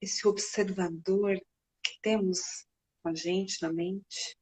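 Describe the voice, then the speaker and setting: A Brazilian woman leading a guided meditation in a soft, breathy voice, gently and unhurriedly, with long pauses. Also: medium pitch, steady tone.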